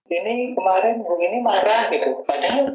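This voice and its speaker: A man who teaches kindergarten, a podcast guest telling his story in animated casual chat and laughing easily. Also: sits high, moderate pace, roomy sound, dull audio.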